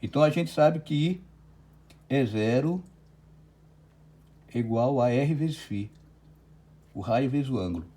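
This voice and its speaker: A man's voice: mid-range voice, expressive, takes it slowly, pauses often, mellow. A Brazilian Portuguese-accented man teaching physics in an online lecture, working through a problem step by step and checking often with "certo?".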